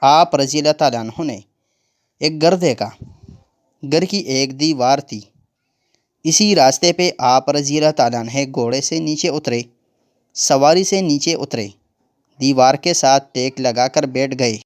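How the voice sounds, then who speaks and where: A man telling a religious story in a steady, earnest narrating voice. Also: medium pitch, long pauses.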